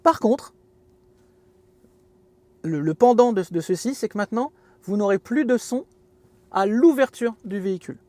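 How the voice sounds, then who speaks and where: Man, car vlog host, high pitch, dry close sound, jokey asides, easygoing walkthrough. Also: lively intonation, moderate pace, long pauses, warm tone, dry recording. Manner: chatty, joking, self-mocking asides. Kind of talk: casual product walkthrough. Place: inside a parked car.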